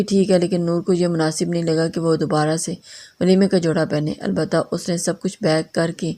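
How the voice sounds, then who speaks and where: Woman reading a novel aloud, low and mellow. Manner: steady reading with small slips and restarts. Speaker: novel narrator.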